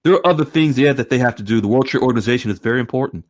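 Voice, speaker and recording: A man hosting an online group call, animated and exclaiming often. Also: mid-range voice, racing. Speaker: host.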